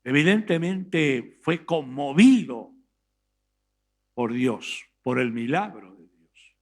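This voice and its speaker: A man with an Argentine Spanish accent, preaching a sermon as pastor and retelling a scripture story with emphatic, dramatic pauses. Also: a little high, animated. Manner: reads scripture aloud slowly.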